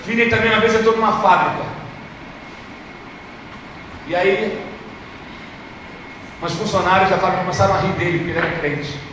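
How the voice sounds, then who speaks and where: A Brazilian man preaching a sermon in church, moving from hushed storytelling to impassioned shouting. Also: high-pitched, steady tone, fairly quick, pauses often. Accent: Brazilian Portuguese. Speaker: pastor. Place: church service. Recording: echoey hall from far off, noisy.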